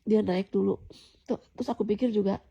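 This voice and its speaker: A woman's voice: mid-range voice, steady tone, brisk, vocal fry, mellow, husky, lo-fi sound. A woman casually telling viewers about a dream, in a rambling way, repeating herself, with many fillers and restarts. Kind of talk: casual spoken testimony addressed to viewers.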